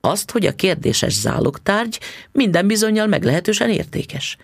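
A fussy, smug husband from a storybook explains things in a measured, condescending tone, as a male narrator voices him. His voice is gravelly and a little husky, with lively pitch, and the recording is dry and close. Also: no room sound, heavily acted. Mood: lecturing. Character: pedantic middle-aged dentist husband, precise and smug.

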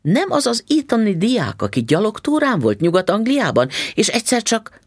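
A man's voice: sits high, wildly swooping pitch, breathy edge, no room sound, clean studio sound, pitched above the performer's own voice, heavily acted. A man reading as a polite, curious young lodger. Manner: polite and musing.

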